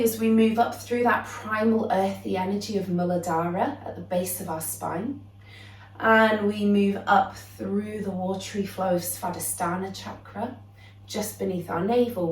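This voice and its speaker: A young woman, a yoga teacher calmly explaining the theme of her practice with the odd "um". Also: mid-range voice, recorded from a distance. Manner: calm, explanatory, with frequent "um" fillers. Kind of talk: yoga lesson introduction. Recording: roomy echo, voice a bit off-mic.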